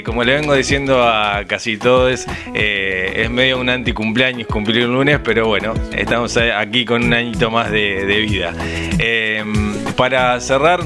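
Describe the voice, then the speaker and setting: A man hosting a radio talk show, speaking in a measured way with pauses and fillers. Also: medium pitch. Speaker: radio host. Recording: music bed under the voice.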